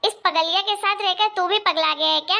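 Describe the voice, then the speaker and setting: A woman's voice: very high-pitched, a little fast, vocal fry, pushed and bright, exaggerated voice. A woman voicing a short-tempered mother-in-law in a cartoon story, scolding and threatening.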